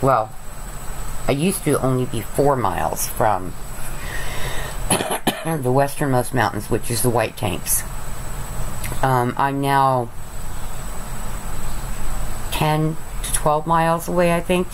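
A woman's voice: very deep voice, lively intonation, slow, long pauses. A middle-aged woman vlogging casually from her bed, rambling and chatty, often calling her viewers "guys". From Arizona. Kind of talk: casual vlog monologue. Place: bedroom, lying in bed. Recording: noisy home webcam recording.

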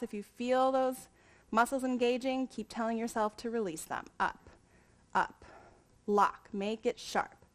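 A woman teaching a dance class, calmly coaching and counting out movements. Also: a little high. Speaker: dance instructor. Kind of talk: instructional dance lesson with counting.

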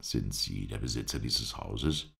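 A man voicing a calm, firm male traveller who questions people in a curt, businesslike way. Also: a bass voice, measured pace, creaky, voice pushed down, full character voice.

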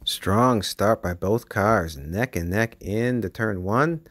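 Man, low voice, race commentator, excitable play-by-play, dry close sound. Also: slow, dry recording. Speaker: race commentator and channel host. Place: basement with toy race track.

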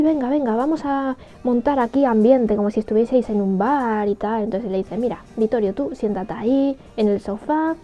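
A woman's voice: on the high side, dark tone. A woman with a Spain Spanish accent casually retelling a story game, with sarcastic asides. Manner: chatty, sarcastic asides and quoted voices. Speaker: gameplay narrator. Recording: slightly muffled audio with faint background music.

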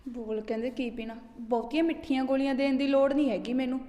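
An actress playing a resentful young pregnant wife who snaps and scolds defiantly. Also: female voice, high-pitched, fairly even intonation, quick pace, warm tone, roomy sound, in a large hall, slight background noise, natural voice. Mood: angry. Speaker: daughter-in-law.

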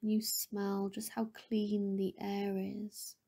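A woman leads a guided meditation in a medium-pitched monotone. Soft and breathy, frequently approaching a whisper, her soothing voice lets pauses stretch out between phrases.

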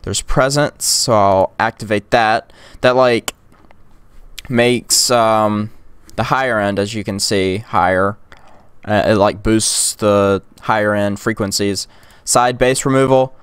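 A young man talks through a casual software tutorial in a smooth, clean voice. He rambles with plenty of fillers and restarts. He sits close to a condenser mic in a dry, dead room. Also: on the low side, steady tone, slow, dry recording. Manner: rambling, filler-heavy, drops to whispers and yells in demos. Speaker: tech tutorial creator. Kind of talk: casual screen-recorded tutorial. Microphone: close USB condenser mic.

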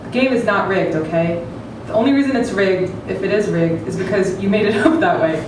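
At a literary event, a thirties-aged woman with a mid-range, brisk voice performs satirical fiction on stage in a small room full of listeners. Her words go into a distant table mic on a stand, and the sound comes out noisy and heavily echoed by the hall.

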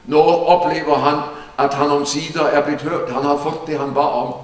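An earnest man preaches with steady emphasis, his fairly high voice picked up from a distance. The church hall rings with a long, roomy echo around every phrase. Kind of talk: sermon Bible teaching. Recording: echoey church hall from far off.

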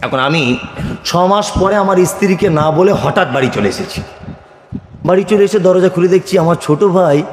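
A man's voice: high-pitched, animated, moderate pace. A man from India preaching a sermon, firing rhetorical questions at the crowd and calling for their answers. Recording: echoey hall with long reverb.

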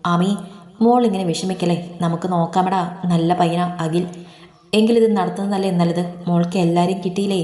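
Woman reading as a gentle, soothing elder brother. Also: on the low side, steady tone, fairly quick, close to an everyday voice. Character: gentle caring elder brother, young man. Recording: echoey reverberant room.

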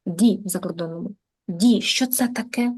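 A Ukrainian woman teaching a beginner English class online, in a lively, coaxing manner, repeating words to drill pronunciation. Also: medium pitch, normal speed, slight background noise. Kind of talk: live online lesson.

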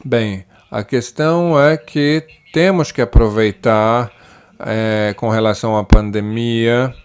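With a smooth, mid-range voice, a man provides simultaneous interpretation over a panel discussion. He keeps a measured pace but pauses often, using fillers and restarting sentences.

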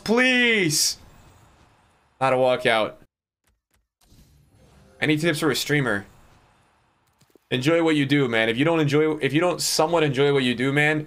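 A man's voice: mid-range voice, a bit bright, clear, resonant tone. A young man, chatting casually on a game livestream in frat-bro slang, full of bro, dude and man. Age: young adult. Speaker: game streamer. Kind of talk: casual livestream chat while opening game packs. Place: small room indoors.

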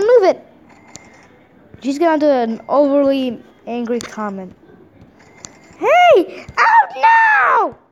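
A woman with a high, sing-song voice narrates a game as she plays, bursting into giggles and squeals. Her delivery is unhurried and she talks to herself between the laughs. A faint hiss sits under her voice. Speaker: gameplay host. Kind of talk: let's play commentary.

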